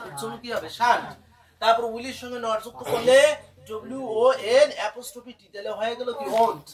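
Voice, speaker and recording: Male teacher, quick and high, quizzing students at a whiteboard, distant mic. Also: a bit bright. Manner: quizzing students with rhetorical questions, spelling words out. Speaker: English grammar teacher. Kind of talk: classroom lesson in Bengali. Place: classroom with whiteboard. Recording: voice from far off the mic.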